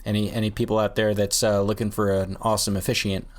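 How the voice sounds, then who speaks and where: A laid-back man in his thirties chats as a podcast co-host. He laughs easily, and his voice sits somewhat low. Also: little pitch movement, fast. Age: 30s. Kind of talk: casual podcast chat.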